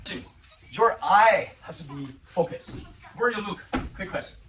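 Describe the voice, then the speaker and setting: A martial arts instructor teaching a kids' kung fu class, counting and giving short commands and encouragement, with loud music over the voice. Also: mid-range voice, animated, measured pace, reverberant, recorded from a distance, noisy background.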